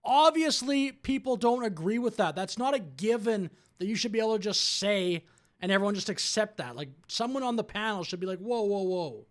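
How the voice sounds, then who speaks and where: A man with a notably high voice delivers political reaction commentary. He argues each point with exasperation, pushing back hard on what he has just heard. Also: lively intonation, fairly quick, fairly bright tone. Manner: argumentative, exasperated. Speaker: commentary host.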